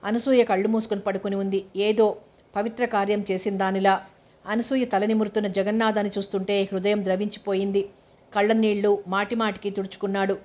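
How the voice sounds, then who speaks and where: A woman narrates a novel in a steady, measured reading. Her pitch sits in the middle range, and her melody barely moves, so the narration comes across as level and even throughout. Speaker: audiobook narrator.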